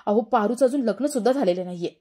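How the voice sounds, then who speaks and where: Lady reading as a worried young woman, mellow. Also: a little high, quick pace, slightly rough.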